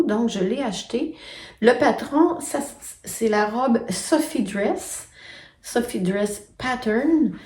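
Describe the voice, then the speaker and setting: A woman's voice: a little high, a little mellow. A middle-aged woman with a Quebec French accent chats through her sewing projects, step by step, with plenty of fillers. She is recorded on a phone set back from her. The room is echoey, so her voice sounds roomy and a little distant. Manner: chatty, explains step by step with many fillers. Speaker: knitting and sewing vlogger. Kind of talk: casual show-and-tell chat. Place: home, filmed on a phone. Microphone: phone camera set back from her.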